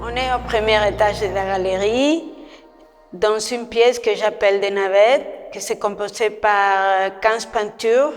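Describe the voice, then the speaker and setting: A woman with a mid-range voice and fairly even intonation, an artist whose first language is Spanish, slowly guides listeners through her exhibition in deliberate, halting non-native French. She moves through an echoing gallery stairwell and rooms, and the recording has long stairwell reverb with music underneath.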